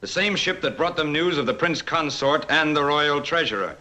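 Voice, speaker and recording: An actor playing a blunt, resolute young sea captain in a 1940s swashbuckler film, clipped and commanding. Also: male voice, fairly high pitch, animated, normal speed, bright, forceful tone. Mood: blunt, grim. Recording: 1940s film soundtrack, music behind.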